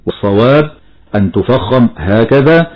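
A man's voice: medium pitch, animated, muffled recording. Man teaching Quran recitation rules. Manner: measured explanation, slow drawn-out recitation of examples. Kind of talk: tajweed lesson with recited examples.

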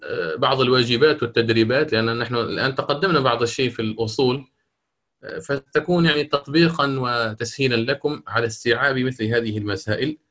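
A man's voice: mid-range voice, fairly bright tone. Man teaching Quran recitation rules. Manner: explanatory, often asks "okay?" and corrects himself. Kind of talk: online lesson with students.

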